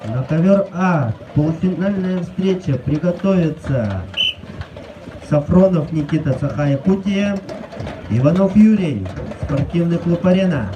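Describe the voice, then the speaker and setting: A man's voice: a little high, expressive, a little slow, lo-fi sound, background noise. A man announcing wrestling bouts at a tournament with formal, clipped calls. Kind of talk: official match announcements.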